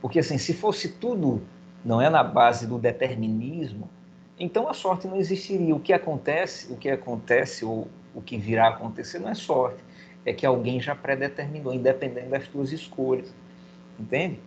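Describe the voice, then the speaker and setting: A man's voice: mid-range voice, lively intonation, moderate pace, low-quality recording. A man teaching a recorded video lesson, explaining step by step and putting questions to himself in his students' voice. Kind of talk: video lecture.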